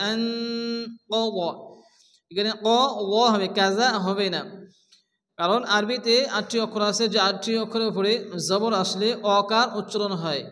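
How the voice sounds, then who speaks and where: A man teaching Quran reading, explaining pronunciation rules and then chanting verses slowly. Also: sits high, bright, forceful tone. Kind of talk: Quran recitation lesson. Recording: long hall reverb.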